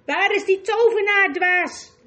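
A woman voicing a towering, imperious queen witch who speaks with loud, commanding contempt in an audiobook. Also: sits high, lively intonation, a little slow, exaggerated voice. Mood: furious. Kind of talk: audiobook character voice.

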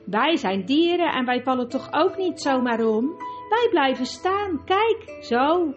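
A woman voicing a boastful, clumsy male talking bear who shows off in a rising, squeaky voice. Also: big pitch swings, slow, full character voice. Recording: lo-fi with music behind.

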